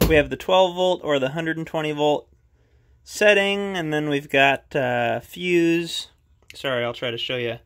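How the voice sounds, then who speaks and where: In a casual demonstration, a man handles the radio equipment at his desk and talks through it with plenty of "uh"s as he thinks aloud. His voice is fairly high and fairly bright, with a measured pace.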